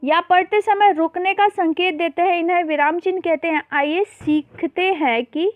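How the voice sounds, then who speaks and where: A woman teacher with a very high-pitched voice keeps a fairly even intonation and normal speed, with no room sound. Patiently guiding young children through a worksheet, she calls them beta often and blends English words into her Hindi. The voice-over has a tinny, phone-like quality.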